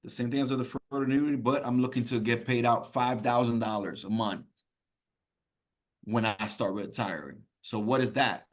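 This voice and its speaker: A man's voice: medium pitch, fairly even intonation, normal speed. A man teaching an exam-prep class in a conversational way, often checking in with "right?" and "okay?" and repeating key points. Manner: repeats key points to drive them home. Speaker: instructor.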